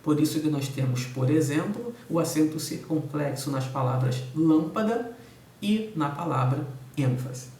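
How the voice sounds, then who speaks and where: A Brazilian man teaching a recorded lesson, explaining each point in order and checking in with the class after each one. His voice sits a little high for a man. The sound is roomy and he is heard from a distance, with faint noise underneath. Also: expressive, measured pace, darkish tone. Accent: Brazilian Portuguese. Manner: explains step by step, keeps checking in with "tudo bem?" and "tá?". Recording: echoey room, voice off-mic.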